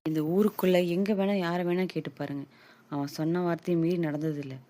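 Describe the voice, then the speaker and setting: A woman voicing a loyal young male friend who calmly tries to make peace between a couple. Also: lowish voice, a little fast, heavy background noise, lightly acted. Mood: coaxing. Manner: coaxing, earnest, keeps saying sister. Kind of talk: Tamil audio drama acting.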